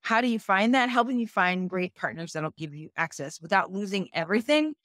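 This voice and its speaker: A middle-aged woman teaching a live online business class in a chatty way, often checking in with her viewers and reacting to their comments out loud. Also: mid-range voice, lively intonation, brisk, no room sound, studio quality. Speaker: business coach.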